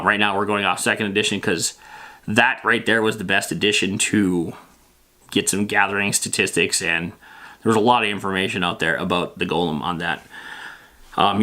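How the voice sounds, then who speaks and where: Rambling and matter-of-fact, this man hosts a loosely improvised tabletop roleplaying lore show that casually explains fantasy gaming in plain terms. His voice is fairly low, pushed, and bright.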